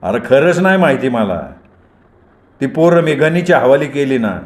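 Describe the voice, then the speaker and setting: A man's voice: mid-range voice, lively intonation, normal speed, lightly acted. Man doing a frightened, pleading official. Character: terrified corrupt male official Sambhajirao. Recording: roomy echoey recording.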